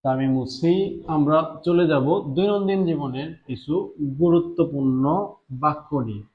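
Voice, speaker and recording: A man's voice: fairly high pitch, normal speed, phone-quality sound. A man giving a live online lesson, patiently explaining French words and repeating each one several times. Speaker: French teacher.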